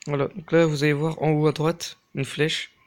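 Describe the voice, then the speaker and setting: A young man giving casual, crude commentary while playing a mobile game, talking fast and nervously, swearing often. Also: on the high side, little pitch movement. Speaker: mobile gaming YouTuber.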